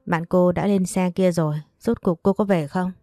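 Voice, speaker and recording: Woman doing a cold tough young man, curt menacing orders, lowish mellow voice, dry sound. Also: steady tone, normal speed, no room sound, faint music behind, lightly acted. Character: cold, commanding tall young man in his late twenties.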